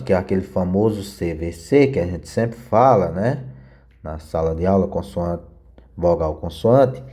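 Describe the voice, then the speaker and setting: A man's voice: fairly low pitch, dark tone. A man teaching an English grammar lesson, explaining step by step and checking in with his students. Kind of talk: recorded grammar lesson over slides.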